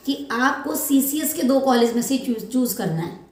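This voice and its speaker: In an echoey room, a woman lectures her chemistry class, leaning on everyday analogies and frequently checking that students are keeping up. Her voice sits high and expressive, moving at a moderate pace.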